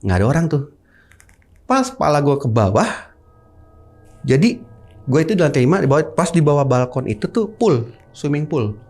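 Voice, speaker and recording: Middle-aged male guest, casual storyteller, very animated intonation, voices his own sound effects. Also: on the high side, moderate pace, long pauses. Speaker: guest telling a personal ghost story.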